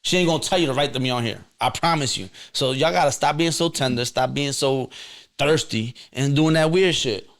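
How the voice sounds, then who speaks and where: A young man talks in a relaxed podcast chat, giving blunt, slangy advice with plenty of energy. His pitch sits in an ordinary middle range for a man. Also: fairly quick. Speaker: podcast host. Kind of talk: casual chat.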